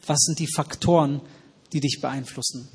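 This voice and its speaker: A man with a somewhat high, husky voice preaching to a congregation. He asks questions, waits, and repeats their answers before going on with his sermon. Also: steady tone, normal speed. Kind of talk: interactive sermon. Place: church hall with noisy ventilation.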